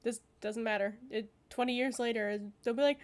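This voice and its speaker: A woman in her twenties chats and laughs on a casual podcast. Her voice is high and bright with giggles. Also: fairly even intonation, normal speed. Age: 20s. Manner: giggly, chatty. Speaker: podcast co-host. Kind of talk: casual chat.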